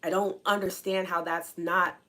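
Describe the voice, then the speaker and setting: A young adult woman hosting a spiritual coaching livestream, talking casually and earnestly, answering her chat and asking questions out loud. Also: fairly low pitch, normal speed. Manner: earnest, questioning, animated asides.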